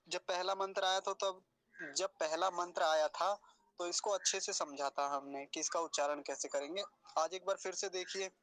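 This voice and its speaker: High-voiced man teaching Sanskrit pronunciation. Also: fairly bright tone, no echo. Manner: patient, repeats syllables slowly and deliberately; explains step by step. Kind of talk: pronunciation lesson.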